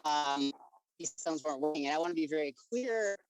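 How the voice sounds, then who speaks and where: A community member giving an earnest, halting public comment over a video call whose audio keeps breaking up and glitching. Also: mid-range voice, lively intonation, low-quality recording. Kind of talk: public comment in an online meeting.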